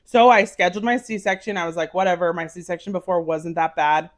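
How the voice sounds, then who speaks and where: A woman in her thirties telling a personal story in a casual, animated way, laughing often. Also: on the low side, a little fast. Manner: animated, laughing, acts out quoted voices. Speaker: podcast guest.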